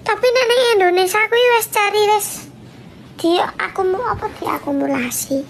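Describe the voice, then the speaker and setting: A young woman with a Javanese accent, chatting casually on a livestream and telling a story with animated laughs. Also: very high voice, normal speed, a little hiss or hum. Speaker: livestream host.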